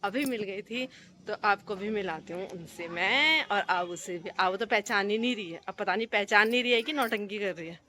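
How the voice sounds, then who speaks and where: A woman's voice: mid-range voice, normal speed, pushed and bright, slight background noise. A young adult woman vlogging casually, speaking in a playful, coaxing way. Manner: playful, coaxing talk with children, teasing. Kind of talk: casual vlog chat.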